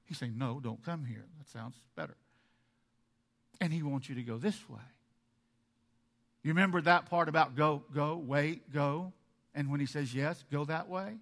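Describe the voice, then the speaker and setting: Male pastor, high bright tone, lively sermon delivery with big loud-soft swings. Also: a little slow, long pauses. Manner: animated, swings between loud emphasis and soft asides; acts out the congregation's objections.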